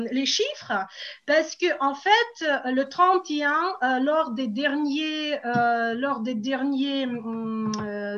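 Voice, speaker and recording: A woman's voice: high voice, fairly bright tone. A woman from Moscow, a native Russian speaker, explains her view as an ordinary citizen in a hesitant but emphatic way, in dull lo-fi sound. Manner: hesitant, emphatic, repeats key points. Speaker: ordinary citizen giving testimony in a panel discussion. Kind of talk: spontaneous explanatory discussion.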